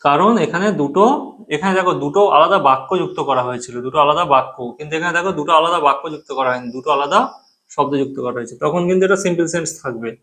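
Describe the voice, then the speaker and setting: A male grammar teacher whose first language is Bengali and whose voice sits a little high. He explains step by step, repeating key terms and checking that the class is following. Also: racing, bright, forceful tone.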